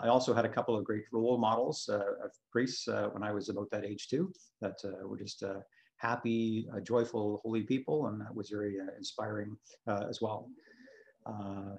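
A middle-aged priest answers questions in a relaxed interview. His voice sits low with a gravelly, fried edge. He hesitates a lot, filling gaps with uh as he recalls things. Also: rough recording. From Scotland, raised in Canada. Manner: hesitant, many uh fillers. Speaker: parish priest guest. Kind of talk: casual interview.

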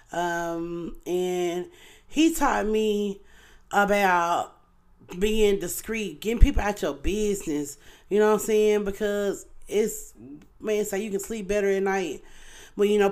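Earnest, chatty woman talking to viewers. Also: mid-range voice. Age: adult parent. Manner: earnest, chatty, often asks "you know what I'm saying". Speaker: online show host. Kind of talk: casual heartfelt talk to viewers.

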